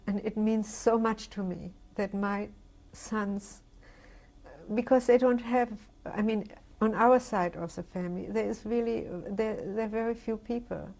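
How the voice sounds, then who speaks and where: An older woman with a gravelly, slightly rough voice speaks in a reflective, halting way, often restarting her sentences. She gives her oral history testimony in an interview. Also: medium pitch, a little mellow. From Germany. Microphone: interview recording.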